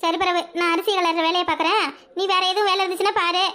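A woman's voice: very high voice, level tone, fast talker, bright, forceful tone. A woman voicing a bossy older mother-in-law in a cartoon, giving household orders. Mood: ordering.

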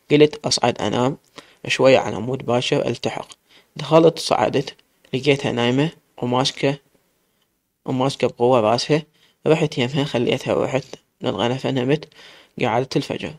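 Gravelly Iraqi male storyteller. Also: medium pitch, dry recording. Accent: Iraqi Arabic. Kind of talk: first-person story narration.

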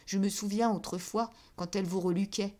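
A woman voicing a thin, cold and envious male shop clerk who speaks low and slyly. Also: steady tone, brisk, mellow, natural voice. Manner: low-voiced, sly.

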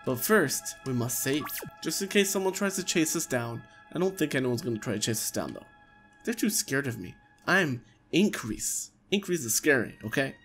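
A man's voice: mid-range voice, big pitch swings, fairly quick. A man in his thirties giving casual, jokey gameplay commentary, talking to himself on a close microphone. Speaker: let's player. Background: game music.

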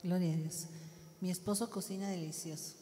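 A woman's voice: fairly low pitch, fairly even intonation, normal speed, dark tone. A woman with a Guatemalan Spanish accent speaking briefly and playfully in church about her husband. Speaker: pastor's wife. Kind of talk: brief testimony from the congregation. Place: church hall. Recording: roomy church hall, voice from off mic.

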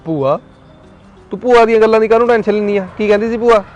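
A man's voice: high voice, fast talker, a little mellow, highs cut off, faint music behind, close to an everyday voice. A young man playing a stressed student who argues irritably. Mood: irritated. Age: young adult. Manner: irritated, argumentative.

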